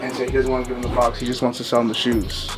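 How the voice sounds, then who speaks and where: A man's voice: medium pitch, completely flat delivery, very fast. A man working in a sneaker shop, chatting casually and working out prices aloud. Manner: easygoing, talks figures out loud. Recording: music playing behind.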